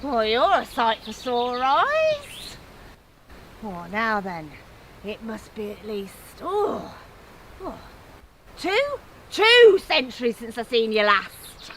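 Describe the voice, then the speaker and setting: Scolding old woodland witch, northern English accent, slow, piercing, wicked, cackling, theatrical storytelling. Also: fairly high pitch, wildly swooping pitch, fairly bright tone, slight background noise, full character voice, rough recording. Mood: mocking.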